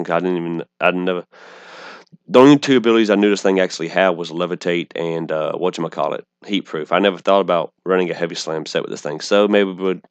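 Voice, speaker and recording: A low, smooth male voice in a dry, close-sounding space, talking through game strategy off the cuff. He has a speech impediment, saying w for r, and he rambles with frequent false starts and self-corrections. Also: dry recording, dull audio. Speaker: online gamer presenting an opposing team. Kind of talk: casual unscripted game strategy commentary.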